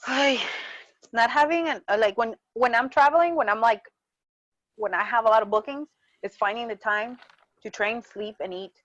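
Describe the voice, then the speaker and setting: A woman from Mexico, a wrestling champion, is a passionate interview guest in a casual conversation, speaking with a Mexican accent and repeating words as she reaches for them. Her voice is a little high and fairly bright at a normal speed, with a dull, muffled, dry recording and no echo.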